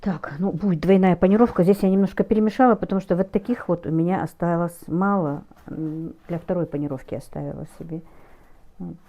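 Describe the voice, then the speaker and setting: A middle-aged woman chatting casually in a home cooking vlog, speaking haltingly and often correcting herself as she goes. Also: fairly low pitch, steady tone, highs cut off. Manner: halting, with hesitant self-corrections. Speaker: home cook taking food orders, vlogger.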